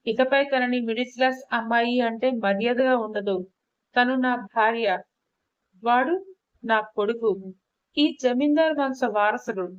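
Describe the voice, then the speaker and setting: A woman's voice: a little high, muffled recording, lightly acted. A woman doing a furious, commanding rich man. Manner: roaring, commanding.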